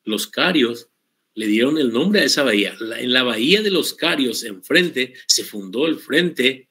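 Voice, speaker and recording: A man teaching an online Guaraní language class, explaining patiently and repeating words slowly for his students. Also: mid-range voice, animated, sharp tone.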